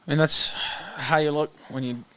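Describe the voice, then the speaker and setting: A man hosting a livestream with casual commentary, speaking hesitantly with pauses. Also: fairly high pitch, fairly even intonation, sharp tone, poor audio. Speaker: livestream host.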